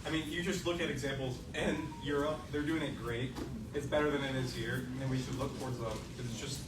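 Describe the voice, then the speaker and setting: A man's voice: medium pitch, steady tone, fairly quick. A young man making a short, offhand point in a student debate, trailing off at the end. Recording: echoey room, distant mic, noise.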